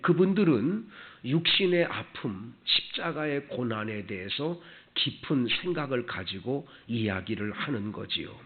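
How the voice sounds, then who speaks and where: A man preaching a sermon as pastor at a church, building to emotional emphasis. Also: mid-range voice. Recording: tinny phone-like sound.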